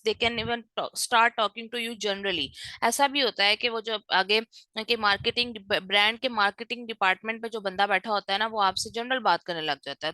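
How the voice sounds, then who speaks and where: A woman's voice: on the high side, bright, forceful tone, dry recording, low-quality recording. A woman teaching an online course in a direct, encouraging way. She switches freely between Hindi-Urdu and English and acts out sample phone calls to explain. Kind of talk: recorded lecture mixing Hindi-Urdu and English.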